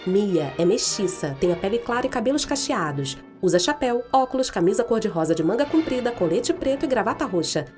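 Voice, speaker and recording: A woman's voice: mid-range voice, big pitch swings, fairly quick, hardly any pauses, a little mellow, faint music behind. A woman reading scripted audio description as narration for a children's show.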